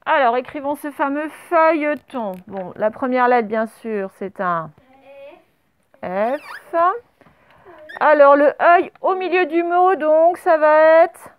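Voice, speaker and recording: A primary school teacher gives children a spelling dictation lesson on camera, patiently spelling each word letter by letter. Her voice is high-pitched and she speaks slowly.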